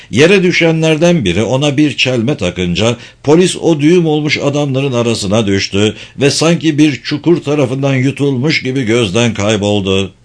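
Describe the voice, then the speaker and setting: Man, audiobook narrator, medium pitch, steady, measured, scripted storytelling.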